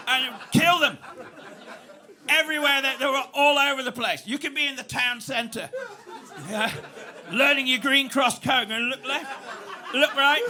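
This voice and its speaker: A man doing stand-up on a comedy club stage, spinning absurd stories that swing from flat to explosive. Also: very high voice. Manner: absurd, deadpan-to-explosive storytelling. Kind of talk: stand-up routine. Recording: live club with audience laughter.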